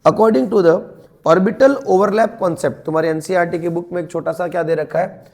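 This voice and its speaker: A male chemistry teacher, lecturing in a mix of Hindi and English. He asks questions and answers them himself, and he reads definitions slowly. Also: a little high, gravelly, a little mellow. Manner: explains step by step, asks and answers his own questions.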